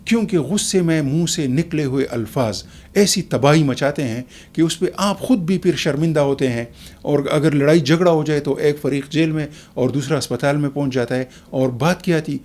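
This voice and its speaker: A man, a guest on a talk program, explaining calmly in a measured, lecturing way with everyday examples. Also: on the high side. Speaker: expert guest. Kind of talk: explanatory talk show answer.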